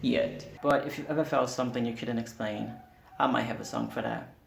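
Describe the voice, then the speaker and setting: A man's voice: medium pitch, fairly even intonation, brisk, vocal fry, a little hiss or hum. A man whose first language is Portuguese, a singer-songwriter talking candidly and a little self-deprecatingly to camera in a casual vlog. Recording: roomy echo with music behind.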